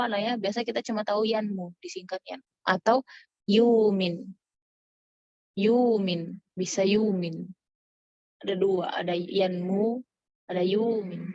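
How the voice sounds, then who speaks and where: A woman's voice: medium pitch, a little mellow, no room sound, dull audio. A woman teaching a casual online Quran recitation lesson. She explains in a chatty way and keeps checking whether her students follow along.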